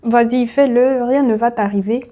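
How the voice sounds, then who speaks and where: A woman's voice: fairly high pitch, fairly even intonation, moderate pace, dark tone, lightly acted. A woman voicing a discouraging inner tempter voice that coaxes and dismisses. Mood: coaxing.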